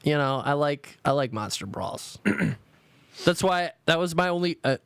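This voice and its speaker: A man co-hosting a podcast in casual chat, cracking quick jokes and laughing often. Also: a little high, animated, vocal fry, fairly bright tone, smooth, dry recording. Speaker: podcast co-host.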